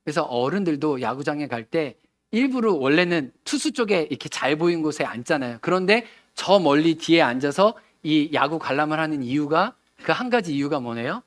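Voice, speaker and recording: A man's voice: fairly high pitch, big pitch swings, brisk, dry recording, studio quality. A man from Seoul preaching a Sunday sermon, talking easily with his congregation and asking them questions. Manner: conversational, asks the congregation questions. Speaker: pastor. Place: church sanctuary.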